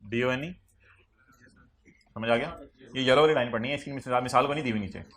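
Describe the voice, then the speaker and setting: A man's voice: mid-range voice, fairly quick, fairly bright tone. A man with a Pakistani Urdu accent giving a tax lecture to a class, teasing students, quizzing them and mixing English phrases into his Urdu.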